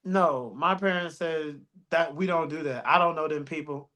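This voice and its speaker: A man's voice: a little high, bright, forceful tone. Casual man chatting on a podcast. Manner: conversational, drawn-out, repeats himself. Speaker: podcast co-host. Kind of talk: casual chat.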